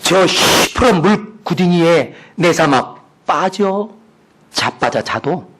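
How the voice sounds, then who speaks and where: A man reading a psalm slowly and playfully in a Gyeongsang dialect accent. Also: on the high side, expressive, fairly bright tone, husky, heavily acted. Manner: slow, drawn-out, joking recitation.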